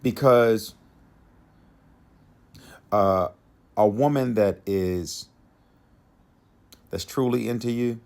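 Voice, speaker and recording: A man's voice: lowish voice, drawn-out words, vocal fry, pauses often, darkish tone. A man hosting a podcast, giving dating advice in a casual monologue, repeating his key lines for emphasis and chuckling to himself. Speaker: podcast host.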